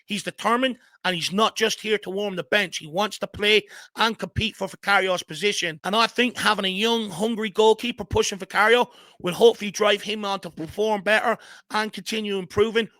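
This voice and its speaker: Irish man, football vlog host, analytical and opinionated; bright, crisp tone. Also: high voice, no room sound. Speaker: fan channel host.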